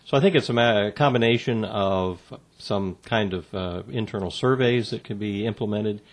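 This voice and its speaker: Man, guest in an interview, low-pitched, measured delivery full of pauses and restarts. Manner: measured, halting, many fillers and restarts. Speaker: interview guest on workplace communication. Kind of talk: answering interview questions.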